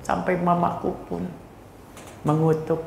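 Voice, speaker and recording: A male pastor preaching a sermon with a personal testimony. He preaches with emotion, builds to loud exhortation and drops English phrases into his talk. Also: sits high, little pitch movement, a little slow, vocal fry, reverberant, a little hiss or hum, low-quality recording. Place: church hall.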